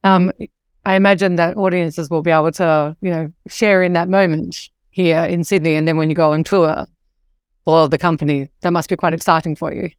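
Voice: mid-range voice, fairly even intonation, normal speed, clear, resonant tone, no room sound, studio quality. A podcast host asking a question hesitantly, with many fillers. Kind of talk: podcast interview.

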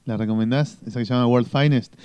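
Smooth-voiced Argentine man hosting. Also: medium pitch, fast talker, dry recording, muffled recording. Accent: Argentine Spanish. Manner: relaxed, leads the talk with questions. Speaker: podcast host. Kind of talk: casual chat.

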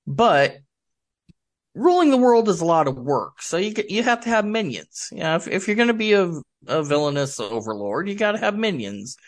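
A Michigan man in the United States, interviewed as an author, explains things casually but haltingly while hunting for words. His voice is high-pitched and sing-song.

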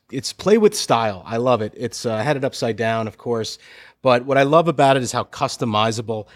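A man co-hosting a podcast, eagerly rambling with quick asides. His voice is mid-pitched and sounds dry and close to the mic. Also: no echo. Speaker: podcast co-host. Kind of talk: casual sponsor read.

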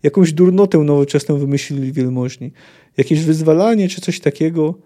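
A coarse, gruff squad leader with rough, old-fashioned soldier's talk, as a man reads his lines. The voice is fairly high and mellow. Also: a little fast, lightly acted. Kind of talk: book reading aloud.

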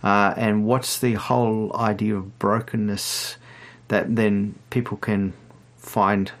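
A man interviewing a guest, asking a long question in a halting way and searching for words. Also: on the low side, little pitch movement.

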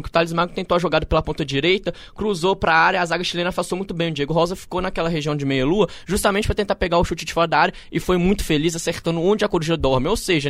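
A man's voice: high voice, a bit bright, no room sound. A Brazilian man giving live football analysis as a match pundit, in a colloquial, punchy way.

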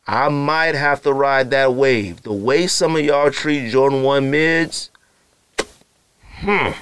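Alone on his podcast, an adult married man chats and rambles, sprinkling in lots of "you know." His clear, resonant, mid-range voice is a bit bright in a dry recording, and it rises sharply when he drives a point home.

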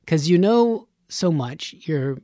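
Male podcast host, casual and rambling, laughs a lot, fairly high voice, dry studio sound. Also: lively intonation, takes it slowly, mellow, no echo. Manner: rambling, chatty, laughs often.

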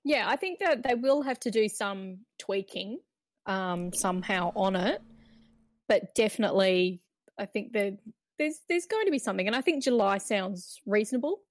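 A woman's voice: mid-range voice, lively intonation, normal speed, no room sound. A woman chatting casually as a podcast panellist. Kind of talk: casual chat.

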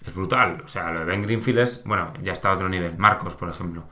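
A man's voice: low-pitched, quick pace. A man with a Peninsular Spanish accent, chatting casually on a podcast, telling stories with frequent laughter. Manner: animated storyteller, laughs often.

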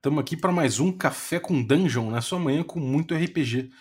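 A man's voice: fairly high pitch, moderate pace, slight background noise. A man with a Brazilian Portuguese accent hosting a podcast in an informal, slangy, chatty way. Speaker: podcast host.

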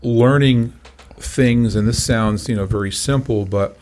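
A man's voice: mid-range voice, measured pace, darkish tone, a little hiss or hum. A man in his sixties, a recovery coach, telling his story in casual conversation with many fillers and restarts. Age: 60s.

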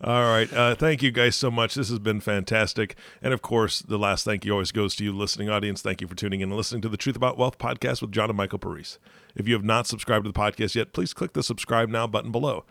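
A man hosts a podcast in a casual but practiced way. He talks fast in a fairly low, gravelly voice, recorded dry with no room sound. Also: fairly even intonation, fairly bright tone, no echo. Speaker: podcast host and announcer. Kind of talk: casual hosting, podcast sign-off.

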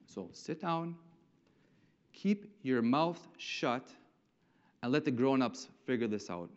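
A man's voice: fairly low pitch, little pitch movement, very fast, mellow, voice pushed down, natural voice. A man voicing a stern, condescending older brother who lectures and rebukes his younger sibling, in a dull lo-fi recording. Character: scolding big brother Eliab, grown man, stern. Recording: dull lo-fi sound.

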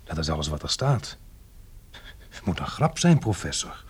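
An actor playing a brave young man in a radio drama, calm and reassuring under pressure. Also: extremely low pitch, normal speed, slightly rough, exaggerated voice. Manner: reassuring, commanding.

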